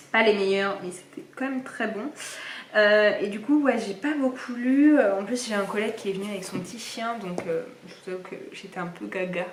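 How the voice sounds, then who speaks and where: A woman's voice: mid-range voice, slight background noise. A young woman chatting casually in a reading vlog, rambling with lots of fillers as she shows her books. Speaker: book vlogger. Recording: echoey room, somewhat far from mic.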